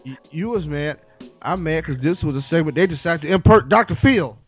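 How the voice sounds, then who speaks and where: A man's voice: fairly high pitch, expressive, brisk, husky. A man hosting a casual chat, recapping events in a laid-back storytelling way. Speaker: podcast host. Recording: muffled lo-fi with faint music.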